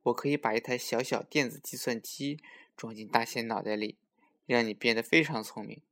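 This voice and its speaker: A man's voice: medium pitch, moderate pace, close to an everyday voice. A man voicing a kindly old doctor. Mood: gentle. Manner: gentle, sighing.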